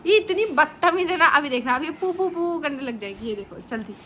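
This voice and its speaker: A woman who runs an animal shelter talks to her viewers in a high, animated, fairly bright voice, moving along fairly quickly. It's casual chat, though she takes care not to trip over her words. Rain can be heard on the noisy phone recording.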